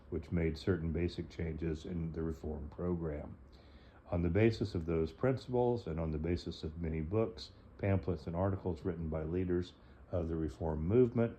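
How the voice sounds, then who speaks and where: A slightly hoarse man talking casually and reading a book aloud, pausing often with fillers, on a dull lo-fi recording. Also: sits low, warm tone. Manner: hesitant, many fillers between phrases. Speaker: host reading and explaining a book. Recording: dull lo-fi recording, faint noise.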